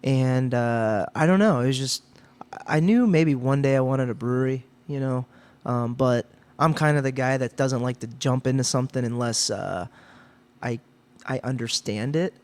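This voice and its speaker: A man's voice: mid-range voice, normal speed, darkish tone. Easygoing man in his thirties, storytelling. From Ohio. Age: 30s. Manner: easygoing storytelling with frequent restarts. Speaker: guest, brewery owner. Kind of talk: casual chat.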